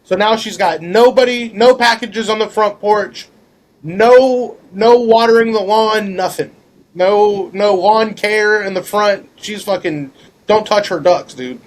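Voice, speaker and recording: Man, high voice, excitable, casual podcast chat, swears a lot. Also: slow. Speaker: podcast co-host.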